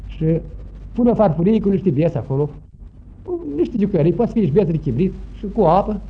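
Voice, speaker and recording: Older man, high-pitched, animated folk storyteller who mimics noises; muffled lo-fi tape. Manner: lively, acts out shouts and sounds. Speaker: interviewee recalling village customs. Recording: dull lo-fi recording, faint noise.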